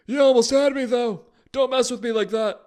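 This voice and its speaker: A man's voice: very high voice, fairly even intonation, moderate pace, a little mellow, pitched above the performer's own voice. Old Man Elmer, a shrieky mad old wizard. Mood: shrill rambling. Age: older. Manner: scatterbrained, indignant, rambling with trailing restarts. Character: mad, rambling ancient human wizard man.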